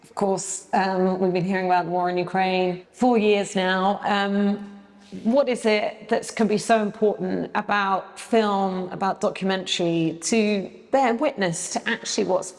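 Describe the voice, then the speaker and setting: A woman's voice: mid-range voice, steady tone, measured pace. A woman reporter putting questions in a press interview, with polite, tentative, conversational phrasing. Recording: echoey hall with long reverb.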